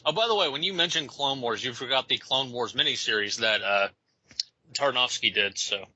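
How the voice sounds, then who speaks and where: A young man co-hosting a casual podcast, firing off playful deadpan one-liners. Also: medium pitch, brisk, husky, no room sound, highs cut off. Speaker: podcast co-host.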